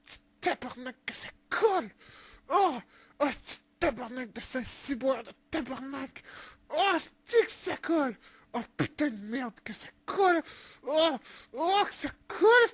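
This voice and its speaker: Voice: high voice, animated, a little slow, fairly bright tone. A performer with a Quebec French accent voicing a bungling, foul-mouthed burglar in a parody dub, crying out and cursing as if just hurt. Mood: pained, frantic. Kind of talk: parody film dubbing.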